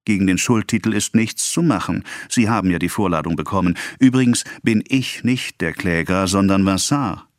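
A man's voice: deep voice, normal speed, few pauses, no echo, clean studio sound, lightly acted. A man reading the part of a scheming, mocking merchant who pressures a debtor. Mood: sneering. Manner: sneering, mocking. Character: scheming mocking male merchant, cold and sneering.

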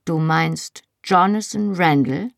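A woman's voice: lowish voice, slow, creaky, no echo, studio quality. A woman reading the part of a fierce young woman who speaks sharply and sarcastically.

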